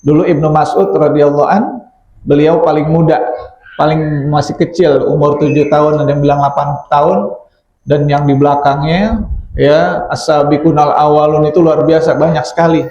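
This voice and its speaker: Lively high-voiced preacher. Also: male voice, normal speed. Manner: lively, joking, repeats and restarts words, pitch jumps when quoting. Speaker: preacher teaching a hadith book. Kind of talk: sermon. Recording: roomy, slightly muffled.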